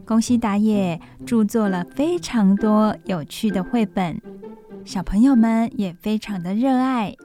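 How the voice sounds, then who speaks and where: Taiwanese lady hosting kids bedtime radio, soft mellow voice like reading to a toddler, music behind. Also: medium pitch, unhurried. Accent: Taiwanese Mandarin. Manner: speaks as if reading to a toddler, gentle simple phrasing with soft sentence particles. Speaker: children's radio storytime host. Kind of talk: children's radio presenting, talking to young listeners.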